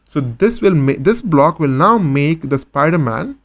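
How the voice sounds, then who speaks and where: A man's voice: a little high, animated, unhurried. A man teaching a step-by-step coding tutorial, patiently posing questions and then answering them himself. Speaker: coding instructor. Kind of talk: screen-recorded coding tutorial.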